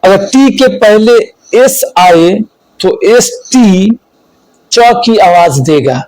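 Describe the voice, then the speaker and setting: A man teaching English spelling rules, slow and deliberate, repeating each rule and listing examples. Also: sits high, lively intonation, a little mellow, no room sound, poor audio. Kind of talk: spelling lesson explained in Hindi.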